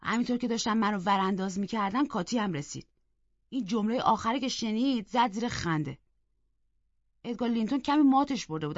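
A woman reading a novel aloud in scripted first-person narration, expressive and acting out the characters. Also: mid-range voice, no echo. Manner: expressive, acts out the characters' voices. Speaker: audiobook reader. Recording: dull, dry close recording.

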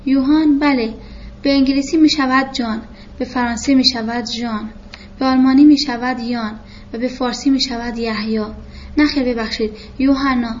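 A woman's voice: sits high, steady tone, muffled recording, slight background noise, natural voice. A woman reading the lines of a polite, slyly playful male doctor in his thirties, speaking formally. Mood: courteous.

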